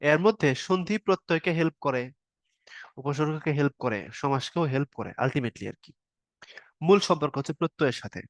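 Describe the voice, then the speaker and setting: Dry-voiced teacher explaining, fairly high man. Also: brisk, dry recording. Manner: explains step by step, asks the students questions; informal spoken style, casual verb forms. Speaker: grammar teacher. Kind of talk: online exam-prep lecture.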